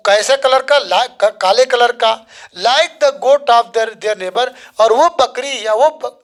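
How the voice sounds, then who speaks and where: A teacher explaining an English story line by line, reading the text slowly and then retelling it in casual Hindi. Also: medium pitch.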